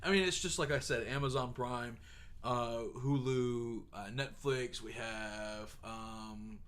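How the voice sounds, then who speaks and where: A young man co-hosting a casual podcast chat, animated and fond of saying "here's the thing", with bursts of loud laughter. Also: mid-range voice, takes it slowly. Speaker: podcast co-host.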